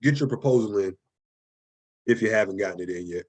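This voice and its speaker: A man's voice: fairly low pitch, a little fast, darkish tone. A male college writing instructor giving a casual online class lecture from his desk over a video call. He talks conversationally, often checking in with "okay?" and "right?", and repeats words while he finds his phrasing.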